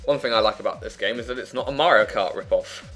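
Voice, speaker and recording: A man's voice: on the low side, quick pace, fairly bright tone. A man giving casual, opinionated let's play commentary in a chatty way. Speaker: gaming commentator and player. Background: faint game music and sound.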